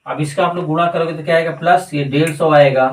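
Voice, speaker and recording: A male math teacher works through a problem step by step, counting digits aloud and asking himself questions that he answers at once. His voice sits a little high. The sound is roomy and echoing, with the mic some distance away. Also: fairly even intonation, fast talker. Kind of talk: step-by-step classroom math lesson.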